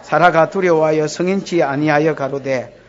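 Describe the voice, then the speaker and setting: A woman pastor with a Gyeongsang accent preaching a lively, teasing sermon to her congregation during a church service. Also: sits low, normal speed, highs cut off. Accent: Gyeongsang Korean. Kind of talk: expository sermon.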